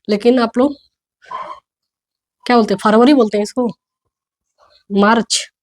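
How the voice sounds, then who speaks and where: A woman from India teaching an English pronunciation lesson, repeating each word slowly and coaxing the class to say it back. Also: fairly high pitch, darkish tone.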